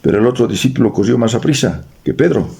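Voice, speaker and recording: In church, a man with a Bolivian accent reads scripture aloud, jokes around and puts questions to the congregation. He speaks fast, his mid-range voice dark in tone, lively in intonation and edged with vocal fry.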